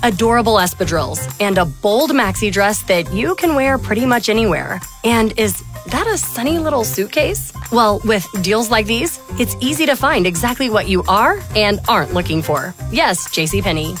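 A woman's voice: mid-range voice, lively intonation, normal speed, few pauses, soft background music. A woman giving a bubbly, chatty scripted ad read. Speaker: ad voice-over.

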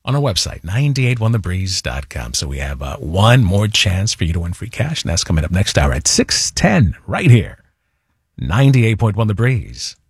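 Smooth laid-back radio dj guy, low voice, bounces up and down a lot. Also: normal speed, no room sound. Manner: relaxed, easygoing on-air chatter with small fillers. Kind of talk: smooth radio host patter. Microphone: studio mic.

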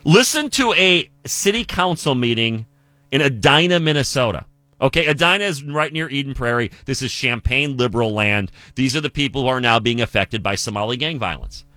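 Emphatic man with a bright voice. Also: medium pitch, lively intonation, a little fast, dry recording. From United States. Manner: emphatic, argumentative, rhetorical questions. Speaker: political commentary host. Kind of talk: political commentary monologue.

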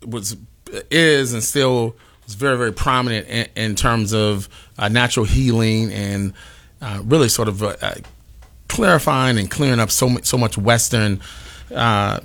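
A man at a middle pitch hosts an interview. He asks long, winding questions, halting and repeating words as he goes. He keeps a conversational tone. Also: fairly bright tone. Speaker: interview host.

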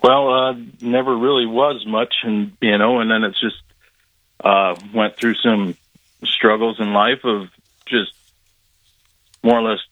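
A male guest author calling in on a phone line that breaks up and cuts out, speaking in halting, trailing fragments. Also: on the low side, fairly even intonation, dry recording. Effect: phone line breaking up and cutting out. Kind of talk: casual call-in chat. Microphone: phone call. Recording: tinny dry phone line.

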